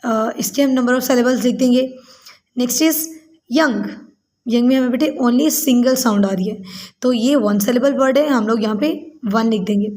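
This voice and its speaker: A woman teacher giving a recorded lesson to children. She speaks with a lilt, calls her pupils "beta", pauses on many "uh"s and reads English words out slowly. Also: a little high, a little mellow.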